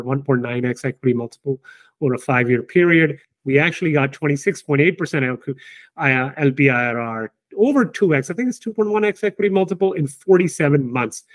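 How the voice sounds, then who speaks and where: A man, the company's founder, talking through business results in an emphatic, animated way, often checking in with "right?". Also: mid-range voice, dry recording. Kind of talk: casual business discussion.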